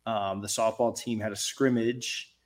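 A man's voice: lowish voice, fairly even intonation, unhurried. A middle-aged man co-hosting a podcast, chatting casually in a laid-back, rambling, hesitant way. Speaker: podcast co-host. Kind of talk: casual chat.

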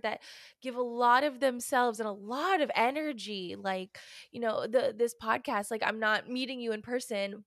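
Gravelly-voiced woman host chatting. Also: fairly high pitch, no echo, clean studio sound. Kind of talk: casual chat.

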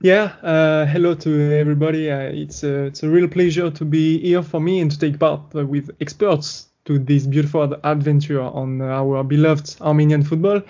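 A young man from France with a French accent, speaking English haltingly and searching for words. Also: fairly high pitch, steady tone, mellow, muffled recording. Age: young adult. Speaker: podcast co-host.

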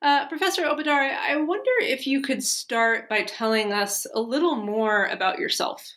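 Woman host asking measured questions. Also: fairly high pitch, fairly bright tone. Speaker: podcast host. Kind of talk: interview hosting.

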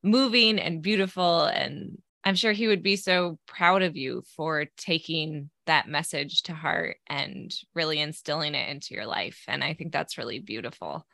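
A woman's voice: deep voice, moderate pace, vocal fry, few pauses, pushed and bright, dry recording, clean studio sound. A woman interviewing a guest, affirming and supportive in her responses. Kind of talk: interview questions.

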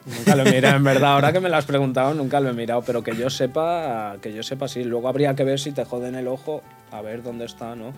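A man in his twenties from Portugal, a podcast guest chatting casually and relaxed, laughing often and trailing off softly. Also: mid-range voice, fast, hardly any pauses, faint music behind. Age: 20s. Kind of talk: casual chat.

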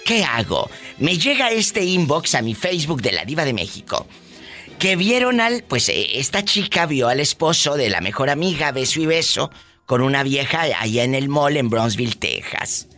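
A man's voice: medium pitch, big pitch swings, normal speed, pushed and bright, faint music behind. A man with a Mexican accent hosting a live radio comedy call-in show, brash, teasing and theatrical, on a studio mic.

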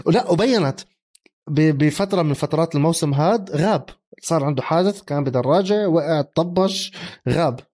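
A man, co-hosting a casual sports chat. He is animated, laughs often and mixes English phrases into his speech. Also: a little high, brisk. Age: 30s. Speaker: podcast co-host.

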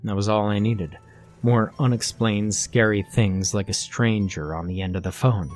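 A man with a fairly low voice narrates a creepy first-person tale in a measured, somber tone. Faint music plays softly underneath him. The delivery is scripted and steady. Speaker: storyteller.

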